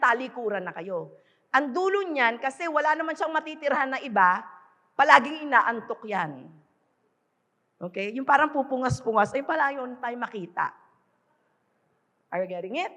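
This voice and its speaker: Preaching at a conference, a Filipino pastor in middle age speaks with a high, fairly bright voice in a casual, conversational way. She moves back and forth between Tagalog and English and often asks the audience "di ba?", while the big hall adds a long reverb.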